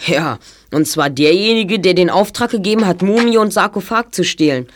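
A man's voice: high-pitched, lively intonation, normal speed, slight background noise. A teenage boy detective in a children's audio drama. He is clever and sure of himself. He sets out each deduction in precise, orderly phrases. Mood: confident.

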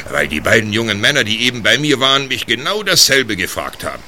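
Jovial old pirate-style captain for audio drama, teasing, very forceful tone, animated, faint noise behind. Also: male voice, medium pitch, moderate pace. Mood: friendly, amused. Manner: hearty pirate-like seafarer talk. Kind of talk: German audio drama acting.

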